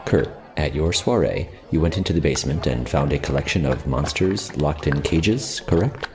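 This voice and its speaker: Man acting a very deep-voiced orderly gentleman. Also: animated, moderate pace, a crowd in the background. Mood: puzzled, measured. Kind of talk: scripted audio comedy drama.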